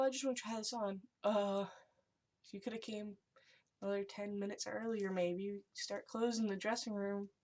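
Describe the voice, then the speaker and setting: A young adult woman vlogging in a hushed, whispery voice, chatting casually as she reads and reacts to short messages. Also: lowish voice. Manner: hushed, whispery delivery, as if sharing secrets.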